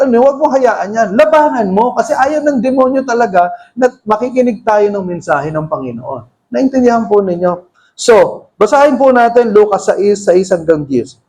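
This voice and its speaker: A middle-aged man delivers a sermon in a notably high voice. He is emphatic, and he often pauses to ask the congregation whether they follow him. He reads scripture aloud. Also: darkish tone, low-quality recording. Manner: emphatic, repeatedly checks that listeners understand. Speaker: pastor. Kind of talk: bilingual sermon with scripture reading.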